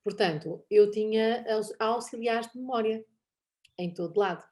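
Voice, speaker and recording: A woman's voice: mid-range voice, normal speed. A middle-aged woman with a European Portuguese accent, talking casually as a guest speaker, laughing often and acting out bits of dialogue. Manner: animated, laughs often, acts out quoted dialogue. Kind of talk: online talk session, casual conversation.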